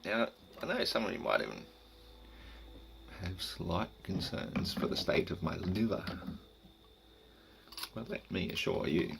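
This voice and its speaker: A middle-aged Australian man with a gravelly voice, rambling casually and crudely in a drunken, jokey way. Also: sits low, very animated, a little slow, long pauses. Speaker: vlogger and home brewer. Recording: noisy home recording with clicks.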